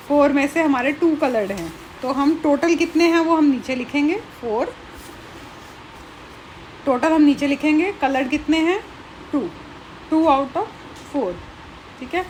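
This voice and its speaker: High-voiced woman teacher explaining math. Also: a little hiss or hum, poor audio. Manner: explains patiently with frequent checks like "ठीक है"; counts items aloud one by one. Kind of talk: classroom math lesson.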